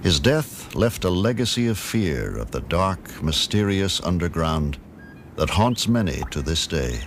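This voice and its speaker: A man reading scripted nature documentary narration in a measured, dramatic storytelling manner. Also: low-pitched, big pitch swings, a little hiss or hum. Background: music.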